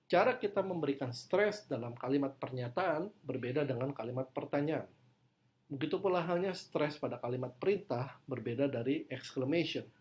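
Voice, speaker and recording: A man lectures on English pronunciation, explaining in his own language and speaking example sentences with exaggerated stress. His voice is on the high side with a darkish tone.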